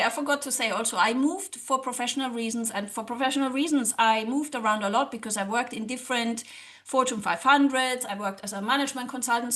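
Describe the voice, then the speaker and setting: A high-voiced German woman, earnest and animated, appears as an interview guest; she's a social psychologist and language coach with German as her first language. She tends to act out thoughts she had in the past.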